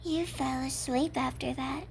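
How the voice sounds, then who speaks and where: Her high voice is steady, unhurried and creaky, with a little hiss or hum in the audio. Acting as a cheerful yandere kidnapper obsessed with her captive listener in an ASMR role-play, she speaks coyly, fondly and matter-of-factly.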